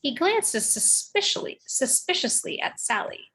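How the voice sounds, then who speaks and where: A woman's voice: high voice, sing-song, measured pace, bright, forceful tone, low-quality recording. A woman narrating the stage directions of a script in a read-through.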